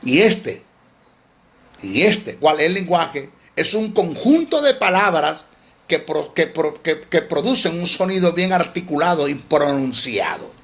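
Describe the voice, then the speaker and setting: A man's voice: on the high side, lively intonation, unhurried, a bit bright. A man teaching theology in a sermon, emphatic and scolding, often repeating words.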